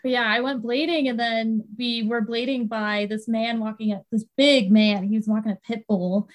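A young woman from the US East Coast co-hosting a podcast in casual chat, talking fast and giggling as she mocks herself. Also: a little high, steady tone. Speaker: podcast co-host.

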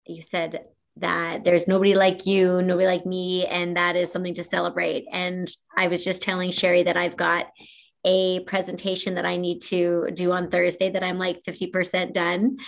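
Creaky-voiced woman co-hosting. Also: on the low side. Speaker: podcast co-host. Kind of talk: casual chat.

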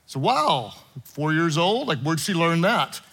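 Middle-aged male pastor, bright and ringing, high for a man; animated, humorous sermon storyteller. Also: a little slow, breathy edge, low-quality recording. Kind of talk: sermon to a live and online congregation. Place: church auditorium with congregation.

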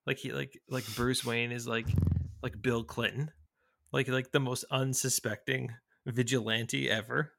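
A man's voice: mid-range voice, steady tone, a little slow, gravelly, bright, forceful tone. A man co-hosting a podcast in casual chat, hesitant and repeating his words.

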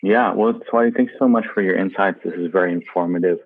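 A man's voice: sits low, fast talker, no room sound. A man hosting a conversational podcast interview, thinking aloud and hedging as he talks. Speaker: podcast host. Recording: dry, tinny phone-like line.

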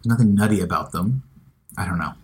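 A woman's voice: a bass voice, quick pace, echoey room. A woman co-hosting a podcast in casual chat, playful and close to the mic. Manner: playful, leans into the mic for mouth sounds. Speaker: podcast co-host.

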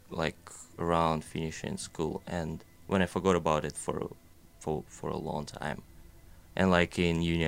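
A young man with a Russian accent, an animator guest, chats casually in a low, creaky yet smooth voice. He rambles through his thoughts with many fillers and self-deprecating jokes.

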